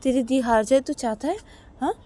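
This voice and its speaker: A woman's voice: sits high, brisk, dark tone, pitched below the performer's own voice. A woman voicing a possessive, stubborn older sister who keeps insisting and demanding answers in a spoken storybook. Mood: reproachful. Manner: insistent, repeatedly demanding "haan?".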